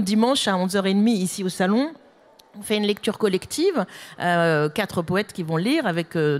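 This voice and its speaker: Enthusiastic woman publisher on a panel. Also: medium pitch. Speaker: author and publisher. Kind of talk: panel discussion answers.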